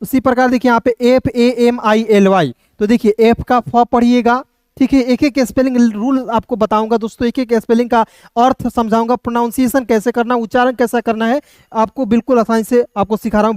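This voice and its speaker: A man's voice: very high voice, darkish tone, dry recording. Male tutor, patient letter-by-letter explainer, dry close sound. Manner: slow, spells words letter by letter, asks "clear?". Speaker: English teacher. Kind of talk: reading lesson taught in Hindi.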